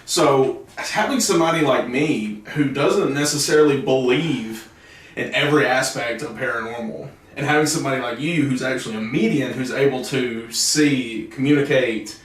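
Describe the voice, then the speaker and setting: A man's voice: mid-range voice, moderate pace. A young man hosting a casual podcast chat, rambling and stumbling over his words. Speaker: podcast host. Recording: roomy echo, mic at a distance.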